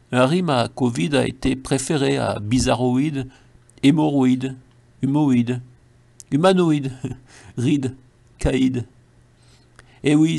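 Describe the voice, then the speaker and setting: A man's voice: medium pitch, gravelly, a little mellow, no echo. A man with a French accent delivering a mocking satirical monologue full of ironic asides. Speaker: satirical commentator.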